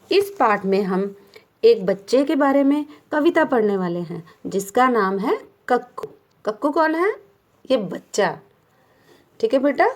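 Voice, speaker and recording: A woman teaching a poem to young children in a patient way, asking questions and answering them herself, with English phrases mixed into her Hindi. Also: on the high side.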